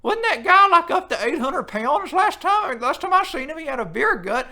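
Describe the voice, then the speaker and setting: A man doing a crude, excitable wrestling-obsessed loudmouth with a strikingly high voice that swoops up and down. He swears freely and bursts into sudden squeals of disbelief while chatting through a live stream. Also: a little fast, heavily acted. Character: brash loud-mouthed male wrestling fan persona. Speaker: livestream host reading chat.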